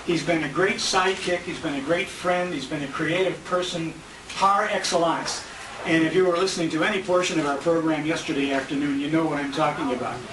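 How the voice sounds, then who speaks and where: This American man has a fairly high pitch, fairly even intonation, and a slightly quick pace, caught from a distance by a handheld compact camera. He's a radio show host emceeing a tribute dinner, telling informal anecdotes with quoted conversations. Noise and echo come through from the restaurant banquet room.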